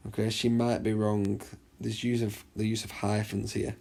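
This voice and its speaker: A man teaching an exam revision lesson in a chatty way, often checking understanding and reading the extract aloud slowly. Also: lowish voice, little pitch movement, creaky, a little mellow. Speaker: English literature teacher.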